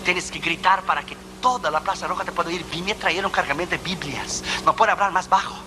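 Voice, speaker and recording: A man voicing a huge, stern male Soviet army guard, gruff and questioning, in a noisy recording. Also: sits high, brisk, close to an everyday voice.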